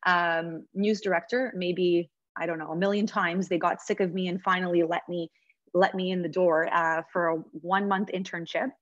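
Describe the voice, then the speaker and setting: A woman's voice: on the low side, fairly even intonation, normal speed, no room sound. A woman in her late twenties from Montreal, a news reporter speaking as a guest to journalism students over a video call, talking in a conversational way with many fillers and restarts. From Montreal, Canada. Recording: dull dry video-call audio.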